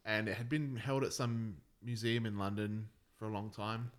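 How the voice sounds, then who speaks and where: A man's voice: lowish voice, steady tone, normal speed. A man co-hosting a podcast in casual chat, telling stories in a laid-back way. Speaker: podcast co-host.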